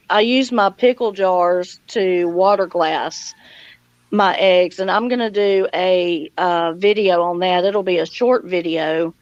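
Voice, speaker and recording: A middle-aged woman with a lowish voice hosts a casual livestream as a homesteading vlogger, chatting and answering viewer comments. The audio is lo-fi, with no room sound.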